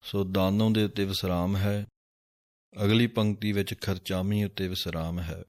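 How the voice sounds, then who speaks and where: Man, recitation teacher; steady low voice, flat and very slow, deliberate diction. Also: no echo, clean studio sound. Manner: measured, deliberate, carefully enunciated. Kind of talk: slow chanted recitation with spoken pronunciation notes.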